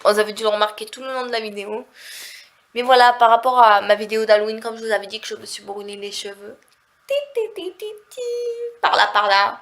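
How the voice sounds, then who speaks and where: A woman's voice: medium pitch, little pitch movement, fast, fairly bright tone. A woman from southern France with a nasal voice, chatting casually and rambling in a vlog. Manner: chatty, rambling, heavy on fillers. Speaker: vlogger.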